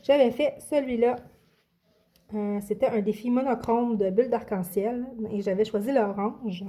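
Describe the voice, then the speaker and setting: A woman's voice: on the high side, moderate pace, dark tone. A woman, casually presenting her coloring books in a vlog, hesitant with many fillers and restarts. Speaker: adult coloring vlogger. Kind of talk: casual show-and-tell vlog.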